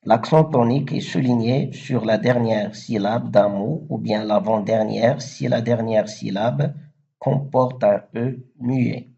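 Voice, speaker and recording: Slow methodical guy teaching verse, dark husky voice, lots of euh. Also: mid-range voice, fairly even intonation, muffled recording. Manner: slow, methodical, with repeated fillers. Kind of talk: explaining French poetry meter.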